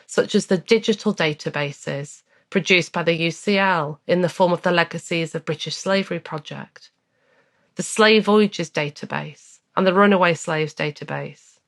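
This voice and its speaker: A woman podcast host reading a measured, earnest scripted narration. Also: lowish voice. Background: faint music.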